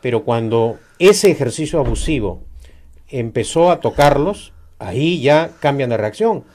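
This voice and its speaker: A man's voice: mid-range voice, expressive, measured pace, darkish tone. A man, giving emphatic, critical political commentary in a discussion, with frequent "eh" fillers.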